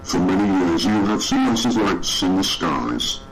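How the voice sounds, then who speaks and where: A man voicing a calm male alien envoy who issues a slow, solemn warning through a distorted broadcast voice. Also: sits low, soft background music, full character voice. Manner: slow, solemn, measured delivery. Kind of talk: hijacked television broadcast message.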